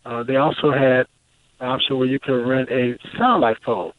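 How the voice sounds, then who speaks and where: A man's voice: medium pitch, steady tone, background noise. Hesitant male radio show caller on a tinny phone line. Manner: halting, hesitant with many fillers.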